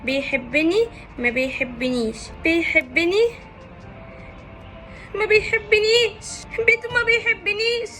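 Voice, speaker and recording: A woman's voice: very high voice, fairly even intonation, measured pace, pauses often, sharp tone, soft background music, exaggerated voice. A woman playing a naive, lovestruck young woman with an Egyptian accent, who talks dramatically. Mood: dramatic. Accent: Egyptian Arabic.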